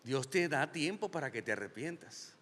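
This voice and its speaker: High, animated preaching man in a hall. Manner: emphatic preaching, slows and rises on key lines. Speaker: pastor. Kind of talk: sermon.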